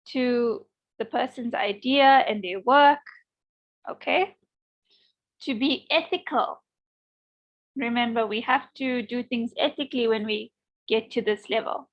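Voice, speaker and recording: A woman's voice: fairly high pitch, highs cut off. A woman lecturer giving an online class, encouraging students and often checking in with "okay?".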